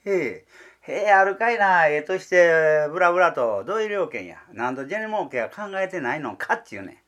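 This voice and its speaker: A man's voice: a little high, lively intonation, brisk, a bit bright. A man voicing an exasperated, fatherly older neighbour who scolds and advises in a Kansai accent, in rakugo storytelling. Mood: exasperated advising.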